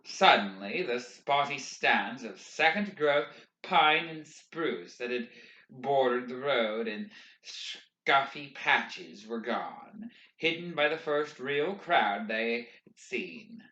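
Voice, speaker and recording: A man reading a novel aloud in expressive, measured audiobook narration. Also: mid-range voice. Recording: roomy, dull lo-fi recording.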